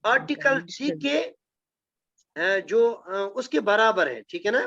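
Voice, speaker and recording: Extremely high-pitched, a bit bright and with lively intonation, this man teaches a Quranic Arabic grammar class built around recitation. He explains one step at a time and keeps checking in with his students. Dull lo-fi recording.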